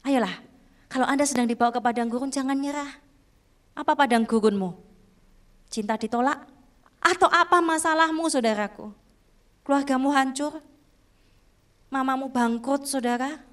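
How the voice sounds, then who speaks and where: A woman preacher with an Indonesian accent, telling a testimony in an emotional sermon and often calling out to her listeners. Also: sits high. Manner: emotional storytelling, often addressing listeners as "saudaraku".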